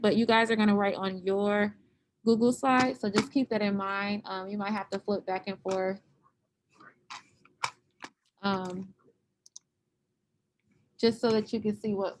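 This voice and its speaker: A woman's voice: medium pitch, a little hiss or hum. A woman teacher leading an online class, patiently explaining step by step over a computer microphone.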